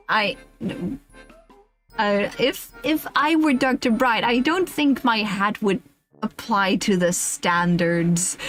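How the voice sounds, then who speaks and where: Over background music, a woman streamer with a mid-range, fairly bright voice reads a funny list aloud. She's casual, playful, and giggly, dropping offhand asides along the way.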